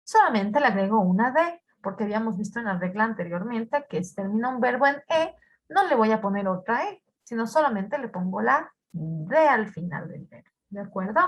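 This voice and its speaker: Husky-voiced woman teaching English grammar. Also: fairly high pitch, a bit bright. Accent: Ecuadorian Spanish. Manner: patient, repeats words and asks students questions. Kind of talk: online class explaining grammar.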